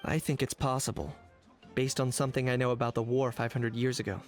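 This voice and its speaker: An actor voicing a cool, pragmatic young warrior in a video game, terse and matter-of-fact. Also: male voice, mid-range voice, little pitch movement, fairly quick, faint music behind, lightly acted. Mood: reflective, serious.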